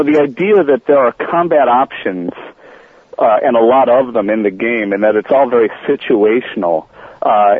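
Husky man on a tinny phone line. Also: medium pitch, no echo. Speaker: studio manager guest. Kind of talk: phone-in interview. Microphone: telephone.

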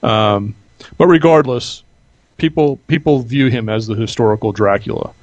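A male podcast guest talks casually about his work in a middle-pitched voice. He pauses and restarts as he thinks aloud, and the sound is dry. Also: no room sound, dull audio. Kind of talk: casual interview chat.

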